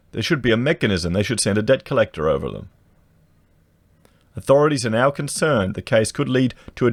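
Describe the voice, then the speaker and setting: A man's voice: lowish voice, no echo. An Australian man, a vlogger, reading news items aloud and breaking off into indignant commentary with slang and rhetorical questions. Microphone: podcast microphone.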